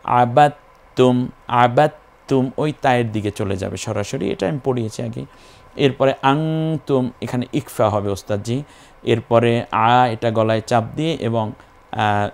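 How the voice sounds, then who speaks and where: A man's voice: on the low side, gravelly, darkish tone. A man teaching Quran recitation, patiently spelling syllables and stretching the vowels as he chants them. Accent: Bangladeshi Bengali.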